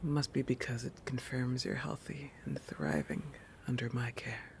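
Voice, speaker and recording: A man voices a possessive shark predator, speaking slowly and creakily and often dropping into a breathy whisper. It's intimate roleplay audio, musing and oblivious, peppered with thoughtful hums and big pitch swings, over a faint underlying rumble. The mood is protective, with a clinical pretext.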